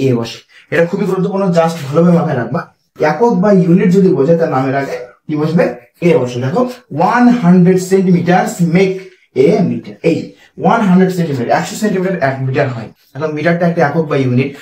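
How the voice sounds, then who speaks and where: A young man teaching English grammar in an online exam-prep lesson. He explains step by step, asks questions and answers them himself, and reads example phrases slowly. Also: on the high side, a little mellow. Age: young adult. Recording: echoey room, a little far from the mic.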